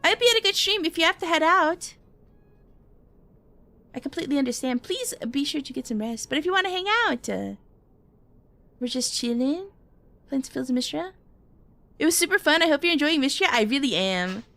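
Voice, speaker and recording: A woman's voice: high-pitched, normal speed, vocal fry, long pauses, fairly bright tone. A woman chatting casually on a gaming livestream as host, with a cute, bubbly anime-streamer delivery. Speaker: livestream host playing a video game.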